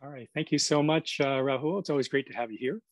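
A man's voice: mid-range voice, quick pace, no room sound. A man hosting a commemorative video call, casually calling on guests one by one. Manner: casual, friendly, calls on guests by name. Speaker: event host.

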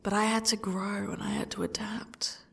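Husky whispered role-play, sadistic stalker woman, acted by a woman. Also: mid-range voice, flat delivery. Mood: wry, bitter. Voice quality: breathy, husky, dropping into whispers. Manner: slow, taunting, condescending, faux-gracious. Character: sadistic, smug yandere stalker woman holding a captive.

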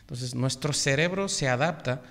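Teacher guy on radio, kinda gravelly, slow professorial explaining, echo trailing off. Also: medium pitch, fairly bright tone. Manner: measured, professorial, many hesitations. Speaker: language teacher, guest. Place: radio studio. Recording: gravelly voice with long reverb.

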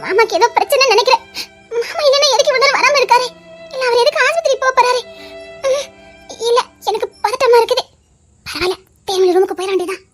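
A woman's voice: very high voice, fast talker, a bit bright, soft background music. A woman playing an anxious young woman in a family household, muttering worriedly to herself and calling out for someone, with a Tirunelveli Tamil accent. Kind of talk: audio drama acting.

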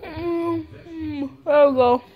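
A high-voiced woman talks slowly around a set of fake teeth in her mouth. She rambles through a casual taste test, stopping and restarting with plenty of fillers. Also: fairly even intonation, lo-fi sound. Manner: rambling, halting, lots of fillers. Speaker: vlogger.

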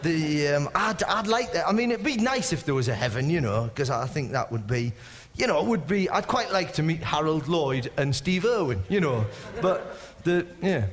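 A man from England doing rambling stand-up comedy, excitable and digressive, who often breaks into quick voices. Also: fairly high pitch. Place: live comedy venue. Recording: long reverb and clear background noise in a venue.

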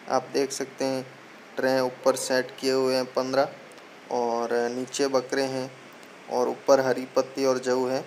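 A man from India, hosting his channel and giving a repetitive sales pitch for a goat farm. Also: slight background noise, poor audio. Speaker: channel host. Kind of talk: promotional farm video narration.

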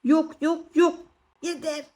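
A young woman chatting casually to viewers while playing a game, excitable and quick to exclaim. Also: high-pitched. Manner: excitable, exclaims and squeals often. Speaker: gaming vlogger. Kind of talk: casual gameplay commentary.

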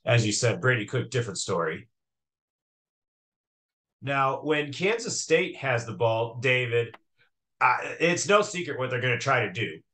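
Bright-voiced man talking college football. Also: medium pitch, sing-song, a little slow, pauses often. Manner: conversational, hesitant with fillers and restarts. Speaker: sports podcast co-host. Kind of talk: casual sports talk.

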